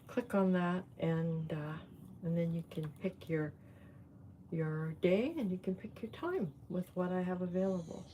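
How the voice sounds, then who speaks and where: A woman speaks in an unhurried, rambling way while she shows off her garden. She is filming herself on a handheld phone outdoors, and her voice sits slightly low. A faint outdoor ambience runs underneath. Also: warm tone, a little hiss or hum. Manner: chatty, rambling, fond of her plants. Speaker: host. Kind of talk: casual livestream chat and garden tour. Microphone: phone held in hand.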